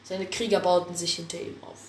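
A woman's voice: on the low side, brisk, far from the mic. Woman telling a story in an echoey room. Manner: lively, often restarting words. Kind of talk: improvised story narration. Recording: echoey room, faint background noise.

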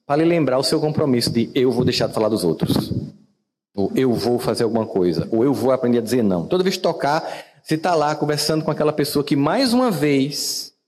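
A man's voice: expressive, fairly quick, a little mellow, in a large hall. A man with a Brazilian Portuguese accent hosting a reflective motivational talk, conversational and asking his listeners questions. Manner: conversational, asks listeners questions, wide swings in pitch. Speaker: podcast host and teacher.

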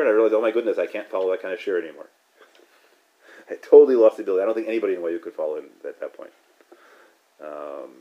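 A man's voice: on the low side, a little mellow, highs cut off. A man teaching a class on Talmud study in a loose, conversational way, often tagging "right?" onto his points. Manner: conversational, many "right?" asides, quick restarts, chuckles. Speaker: Torah teacher.

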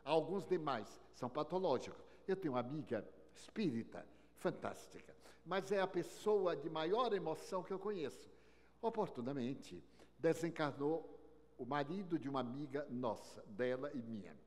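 An older man giving an inspirational lecture, telling stories with wry humor and big swings between loud and soft. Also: on the high side, expressive, moderate pace. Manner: storytelling with wry humor, sweeping swings in loudness. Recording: long reverb of a large hall.

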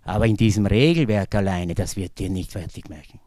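A man's voice: brisk, no room sound. Earnest Austrian man, dry close sound. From Bucklige Welt, Lower Austria. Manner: earnest, swings between loud emphasis and hushed low tones. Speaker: speaker from a faith-based recovery community. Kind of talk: personal testimony talk to an audience.

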